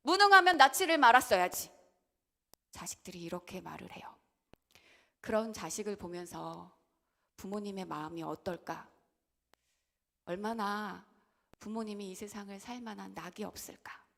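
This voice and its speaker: A young woman pastor delivers an impassioned church sermon. She rises into loud, emotional outbursts, then drops to hushed whispers. She keeps turning to her listeners with direct questions. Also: medium pitch, fairly even intonation, normal speed, creaky, long pauses. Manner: asks the congregation questions directly.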